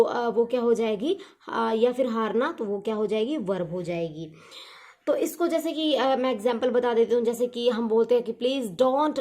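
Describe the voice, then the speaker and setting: A woman teaching an English grammar lesson, asking herself questions and repeating key words in drills, drawing words out slowly when she spells them. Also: fairly high pitch, a little mellow. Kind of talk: explanatory lesson.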